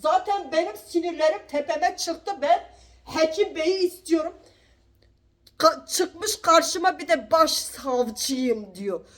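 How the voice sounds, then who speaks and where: A woman's voice: extremely high pitch, measured pace. A woman in an improvised comedy sketch, playing a litigant who bosses and scolds everyone in a combative, indignant way. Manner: indignant, complains in long rants.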